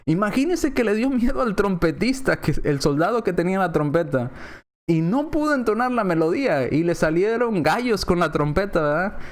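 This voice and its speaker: Male preacher, higher than usual pitch, animated sermon delivery, acts out quoted voices, keeps checking in with his listeners. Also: moderate pace. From Spanish-speaking, lives in Texas. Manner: often adds tag questions. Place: church.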